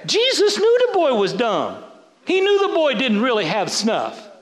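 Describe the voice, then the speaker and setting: A pastor preaching a sermon, telling stories with many stammering restarts. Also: male voice, very high voice, unhurried. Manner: storytelling, animated, stammering restarts.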